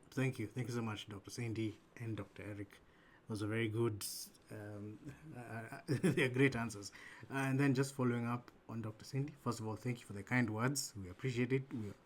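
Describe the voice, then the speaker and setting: Male webinar moderator, lowish voice, faint hiss, stumbling but friendly. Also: fairly even intonation, moderate pace. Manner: friendly, grateful, stumbling restarts when reading questions. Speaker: host and moderator. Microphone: video call.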